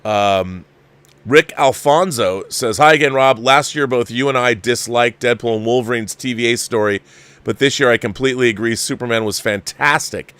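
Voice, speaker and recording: With a clean, slightly bright mid-range voice at normal speed and no echo, a man hosts a livestream film review. He chats casually, answers viewers, and tends to repeat phrases for emphasis and restart his sentences.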